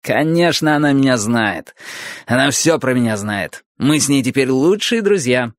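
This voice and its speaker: A man voicing a brash, mocking young man in an audiobook, loud and theatrical. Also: mid-range voice, animated, normal speed, no room sound, clean studio sound, lightly acted. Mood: playful. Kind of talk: audiobook character voice.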